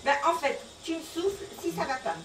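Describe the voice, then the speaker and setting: A woman's voice: extremely high pitch, fairly quick, a bit bright, a little hiss or hum. A woman on stage reciting a poem in a comic sketch, stumbling over and garbling the words and giggling as she goes. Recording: echoey live room, distant mic, audience.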